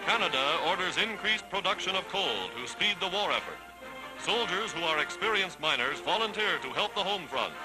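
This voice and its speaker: A man delivers old 1940s newsreel narration in a high, ringing voice. His announcer delivery is emphatic and declamatory. Loud orchestral music plays beneath him. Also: lively intonation, normal speed, rough recording.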